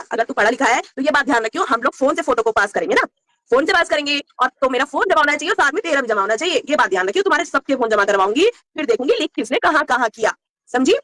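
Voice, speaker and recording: A woman's voice: high-pitched, bright, forceful tone, no echo, clean studio sound. A woman ranting angrily on a live stream, answering critics in a confrontational, scolding way. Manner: confrontational, scolding, rapid-fire. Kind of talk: heated live-stream rant.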